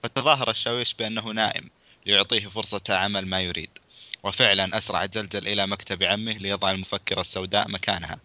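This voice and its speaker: Rapid, bright-voiced man reading a storybook. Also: fairly low pitch, fairly even intonation, no room sound, highs cut off. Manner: rapid, brisk reading, breaks off for crude joking remarks. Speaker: reader. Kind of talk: casual read-aloud of a children's mystery with jokey asides.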